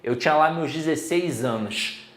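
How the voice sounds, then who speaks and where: A man's voice: on the high side, unhurried, roomy sound. A middle-aged Brazilian man giving a casual exam-prep Portuguese lesson, chatty and full of personal stories. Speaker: Portuguese teacher.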